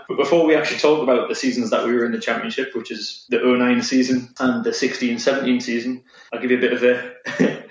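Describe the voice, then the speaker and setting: A man co-hosting a casual football podcast, laughing often as he reels off old season stats. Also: medium pitch. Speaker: podcast co-host presenting a history segment. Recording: roomy, dull lo-fi sound.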